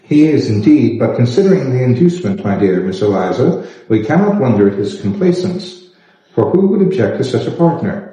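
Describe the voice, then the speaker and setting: Man playing a gushing courtly gentleman, echoey room. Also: medium pitch, fairly quick, natural voice. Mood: effusive flattery. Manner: effusive, flattering, formal. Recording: echoey room, slightly dull sound.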